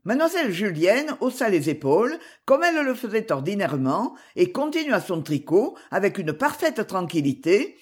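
A woman reads a novel chapter as an audiobook narrator, telling the scripted story in a measured, expressive way. Her voice sits in the mid range with a breathy edge.

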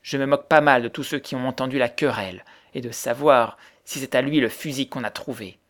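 A man's voice: medium pitch, brisk, natural voice. Brief: a man playing a fierce grieving widow, harsh and accusing, in a storybook reading. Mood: scornful. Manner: harsh, accusing, later softening into sobs.

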